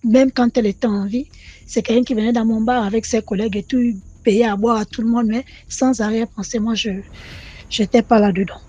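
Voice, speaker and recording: A woman telling her own mystical experience in an animated, repetitive way, speaking directly to the channel. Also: a little high, fairly quick. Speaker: caller sharing a personal story. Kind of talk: personal testimony storytelling.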